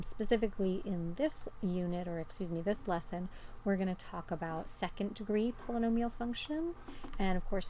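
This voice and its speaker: A woman's voice: on the low side, a little mellow, slight background noise. A woman teacher giving an informal, step-by-step explanation in a recorded math lesson.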